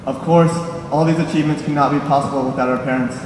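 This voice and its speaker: A man's voice: medium pitch, steady tone, fast. A young man in his late teens, the salutatorian, giving an earnest commencement speech with light humor. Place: large church. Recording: echoey church from far off, noisy.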